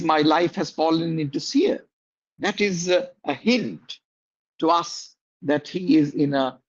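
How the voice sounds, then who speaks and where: Slow-talking male teacher, high voice. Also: highs cut off. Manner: slow, drawn-out explaining with many pauses and fillers; asks the class questions. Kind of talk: classroom lecture. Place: classroom.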